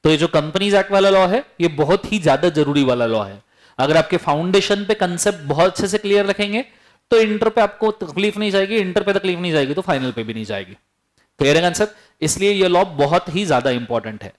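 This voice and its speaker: Speaking fast in a strikingly high voice, a male law teacher lectures a packed classroom. He keeps the mood playful and animated, peppering the students with questions throughout.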